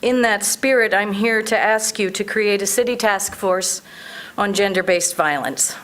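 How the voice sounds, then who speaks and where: A woman addresses a city council with a prepared statement. She has a mid-pitched voice and speaks earnestly, with emphasis on her points. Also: measured pace, fairly bright tone. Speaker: public commenter at a city council meeting. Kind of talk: prepared advocacy speech. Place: public meeting room.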